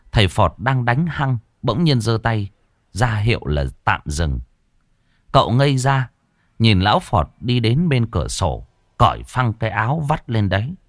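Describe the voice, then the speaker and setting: A man's voice: lowish voice, no room sound, clean studio sound. A man narrating a horror story in a dramatic, suspenseful way.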